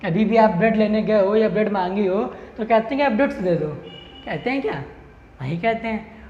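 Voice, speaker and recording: A man's voice: high-pitched, brisk. A male English teacher giving an online lesson, who asks the class questions and answers them himself to drill each point. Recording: roomy echo, dull lo-fi sound, faint hiss.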